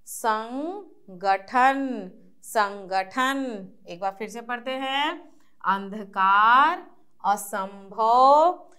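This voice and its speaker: A woman teaching young children to read, stretching out and repeating each word slowly and then explaining quickly in between. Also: on the high side, clean tone. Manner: drawn-out syllable-by-syllable pronunciation, repeating words. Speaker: primary school teacher. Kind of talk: reading-aloud lesson for young children.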